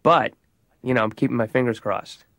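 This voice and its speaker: A man's voice: medium pitch, moderate pace, fairly bright tone, no echo. A man doing a comedy bit as a therapy patient, eager and rambling, stumbling over his words.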